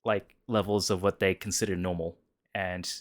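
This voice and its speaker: A man's voice: deep voice, level tone, moderate pace. A man hosting a casual live stream chat, often repeating and restarting his words as he talks. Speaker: stream host.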